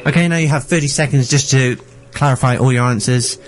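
A man's voice: medium pitch, fairly quick, music in the background. Young man co-hosting a casual radio show.

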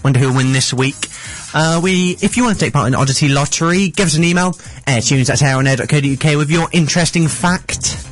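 A man's voice: a little high, quick pace, hardly any pauses, dry recording, faint music behind. A young man presenting a radio show in a casual, chatty style as co-host.

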